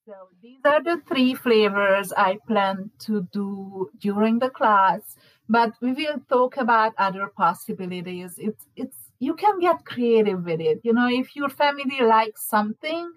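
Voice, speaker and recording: A woman's voice: on the high side, lively intonation, unhurried, dry recording, low-quality recording. A woman from Hungary with a Hungarian accent, chatting casually as a baking class teacher, laughing often and restarting her words. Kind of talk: casual chat.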